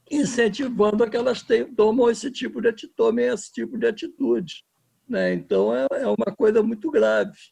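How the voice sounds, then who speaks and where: A man's voice: high-pitched, gravelly, a little mellow, breathy edge. A man in his seventies from Brazil, a filmmaker speaking in an interview with impassioned, emphatic talk. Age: 70s. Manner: impassioned, emphatic, restarts words. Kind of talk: political interview.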